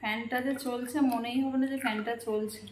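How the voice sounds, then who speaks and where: A woman's voice: fairly high pitch, steady tone, brisk. A young woman chatting casually in a home vlog from her kitchen, complaining about the heat. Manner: speaks softly so her sleeping child won't wake. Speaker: vlogger. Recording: echoey room with faint background noise.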